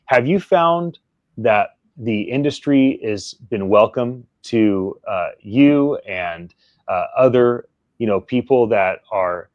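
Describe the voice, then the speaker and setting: A man's voice: mid-range voice, darkish tone, no echo, lo-fi sound. A man hosting an interview, asking long, searching questions full of fillers and restarts. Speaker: podcast host.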